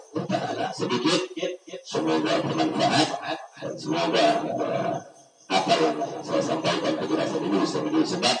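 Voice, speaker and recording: A man, a religious teacher, preaching to children and rising to high emotional pleas. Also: very noisy. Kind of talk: sermon to children. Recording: very echoey, distant mic, music behind.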